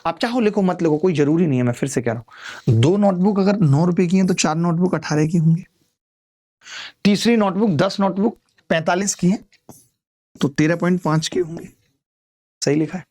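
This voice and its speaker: A man teaching an exam maths lesson in a lively, chatty way, putting questions to his students. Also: high-pitched, moderate pace, long pauses.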